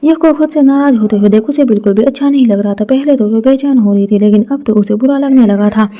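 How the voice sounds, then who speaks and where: Woman storyteller, romance narration. Very mellow, fairly high voice, gentle steady read. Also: quick pace. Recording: dull lo-fi recording.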